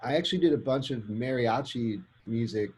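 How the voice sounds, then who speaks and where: A man with a mellow, relaxed voice of middling pitch. He talks casually, like a guest chatting in an interview. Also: normal speed, a little hiss or hum. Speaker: interview guest, film composer. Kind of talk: casual chat.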